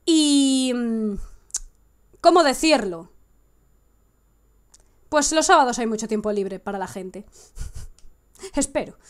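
A young woman with a Spanish accent giving excitable live gameplay commentary, swinging from hushed coaxing to sudden shrieks. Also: on the high side, slow, pauses often. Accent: Spain Spanish. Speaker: gaming streamer.

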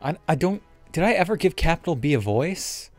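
With game music underneath, a young adult YouTuber offers loose, rambling let's play commentary full of swearing from his indoor webcam setup. His voice sits fairly high, swings widely in pitch, and moves a little fast.

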